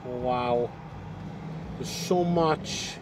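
A man giving a casual running commentary to himself while driving, recorded on a dashboard camera inside the car. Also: medium pitch. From Massachusetts, USA. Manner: muttering, halting remarks to himself. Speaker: vlogger narrating his drive. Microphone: dashboard camera mic. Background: faint car and road noise.

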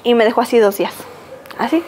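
A Mexican woman in her thirties, a podcast guest giving a personal testimony, talking haltingly with many fillers and restarts. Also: on the high side, steady tone, darkish tone, slight background noise, poor audio. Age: 30s.

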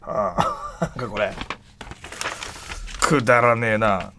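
A man streaming live, chatting casually in rough slang with loud exclamations while he handles and examines an object. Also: on the low side, fairly even intonation, slow, noisy background.

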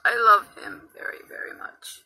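An emotional woman gushing through a casual unboxing vlog, often dropping to a hushed whisper. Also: moderate pace, rough recording. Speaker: reborn doll collector.

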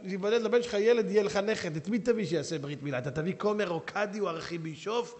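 A man's voice: high voice, big-room sound. A man preaching a storytelling sermon, speaking directly to his listeners. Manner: animated storyteller, addresses the crowd directly. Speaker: rabbi and preacher. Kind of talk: sermon with stories.

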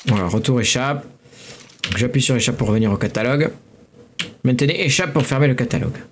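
A man's voice: mid-range voice, expressive, fast, noisy background. A man from France hosting a let's play, chatting casually and reading game prompts aloud. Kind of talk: casual gameplay commentary.

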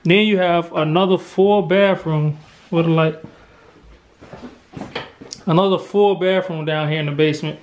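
Holding his vlog camera at arm's length, an American man in his thirties shows viewers around his home in a chatty, informal way. His high-leaning voice stays steady, a little slow, with frequent pauses, and background noise is plainly heard.

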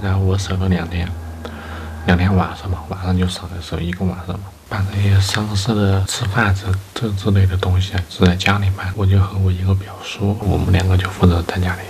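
Low-pitched young man, casual vlog chat. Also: flat delivery, brisk, a little mellow. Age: young adult. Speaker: food vlogger. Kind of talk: casual chat to camera while eating. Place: small curtained room indoors. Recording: clear background noise, clicks.

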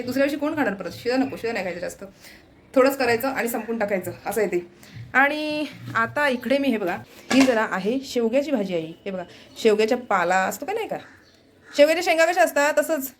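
Woman vlogger, Marathi accent, fast, chatty home walkthrough on a phone, faint room hum. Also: a little high. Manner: chatty, repeats "look here" while showing things. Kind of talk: casual home vlog narration. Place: home, kitchen and window.

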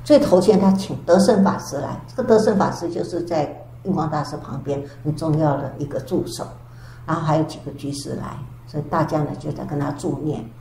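An older woman, a Buddhist nun, giving a storytelling dharma lecture with drawn-out sentence particles. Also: low-pitched, dark tone. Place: temple lecture hall. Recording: echoey hall with faint background hiss.

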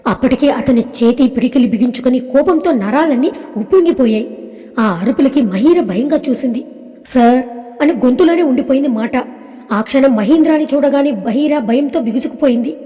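A woman narrating a dramatic family story in a steady, scripted reading. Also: high-pitched. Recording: long reverb.

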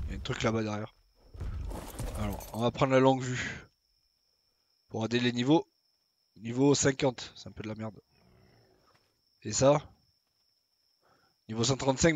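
There's no room sound as a young man narrates his own gaming session for YouTube in a mid-range voice, with fairly even intonation and a moderate pace broken by long pauses. He's chatty, talks to himself while playing, and swears casually from time to time.

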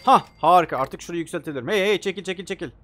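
A young man playing a video game, commenting excitedly and joking as he talks to the characters on screen. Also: sits high, rapid-fire, soft background music. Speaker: gaming YouTuber. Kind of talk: let's play commentary.

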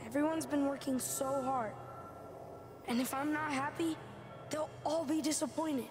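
A woman's voice: sits high, fairly even intonation, a little slow, over music. A woman voicing a hesitant, earnest, downcast young boy in a naturalistic video game scene.

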